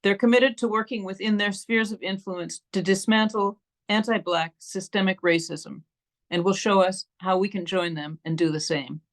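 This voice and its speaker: A woman with a medium-pitched voice moderates an online event. She delivers prepared introductions and announcements to the participants. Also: steady tone, normal speed. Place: online meeting.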